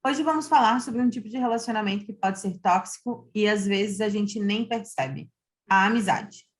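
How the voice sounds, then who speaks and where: A woman in her thirties from Santa Catarina, co-hosting a podcast in a lively manner, chatting and reading prepared segments. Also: medium pitch, normal speed. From Santa Catarina, Brazil. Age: 30s. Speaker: podcast co-host. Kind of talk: podcast chat and scripted reading.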